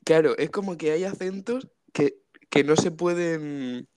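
The podcast co-host sounds a little mellow here, high-ish and at a measured pace, with no echo. He spins jokey stories for the casual comedy show, laughing often and acting out what people said.

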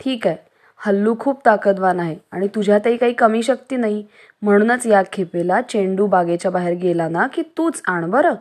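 A woman's voice: mid-range voice, moderate pace, a little mellow, close to an everyday voice. A cheeky young monkey from a storybook, voiced by a woman. He teases his friend with a sly, playful tone close to the narrator's own voice. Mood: teasing.

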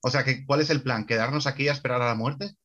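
A male player from pushes his party onward in a tabletop role-playing game, insistent and impatient. His voice sits at an ordinary pitch, and the recording sounds slightly dull. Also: steady tone, fast talker, fairly bright tone.

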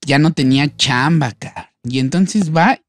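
A man's voice: a little high, a little slow. Laid-back Mexican man spinning a crude yarn. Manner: crude, slangy, laid-back retelling of a myth. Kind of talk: casual comedic storytelling.

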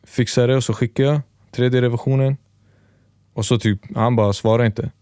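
A man's voice: medium pitch, steady tone, mellow, clear, resonant tone, no room sound, studio quality. A man co-hosting a podcast, casually telling a long story and acting out both sides of the dialogue. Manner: rambling storyteller, acts out quoted dialogue. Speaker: podcast co-host. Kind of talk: casual chat.

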